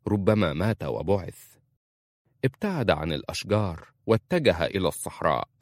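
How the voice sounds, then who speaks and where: Deep voiced guy reading a novel aloud, dramatic and lively, dry close mic. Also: dry recording. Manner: measured, dramatic storytelling. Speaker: narrator. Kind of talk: audiobook narration.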